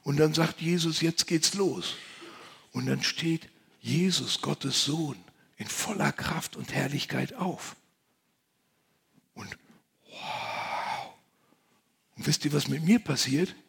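A man preaching a sermon in a conversational, confiding way, dropping to near-whispers and rising to loud emphasis. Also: a little high, unhurried, vocal fry, slightly rough. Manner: conversational, confiding, swings between hushed and loud.

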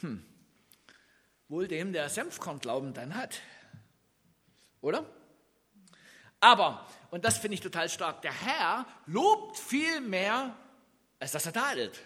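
A man from East Germany preaching a lively sermon, acting out Bible scenes and putting questions to his listeners. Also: sits high, slow, pauses often, husky. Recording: long hall reverb.

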